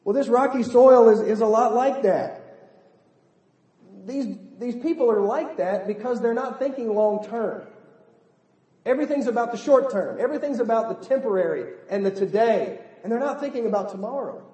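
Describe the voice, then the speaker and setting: A middle-aged man preaching a sermon in a lively, humorous way, acting out the people he quotes. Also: very high-pitched, moderate pace. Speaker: pastor. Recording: echoey hall, long reverb.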